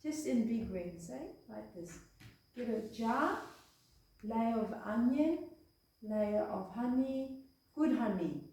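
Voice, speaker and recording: Here a health presenter from Australia speaks slowly and expressively in a warm, fairly high voice during a hands-on demonstration. She keeps it chatty, regularly checking in with "okay?" and "eh?". The recording is echoey and distant from a far room microphone, with slight background noise.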